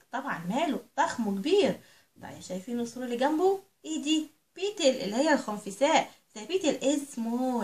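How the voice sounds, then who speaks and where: An Egyptian woman teaching English to young children, stretching out the English words slowly and quizzing the kids with questions. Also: high voice, echoey room. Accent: Egyptian Arabic. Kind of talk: recorded lesson for young children.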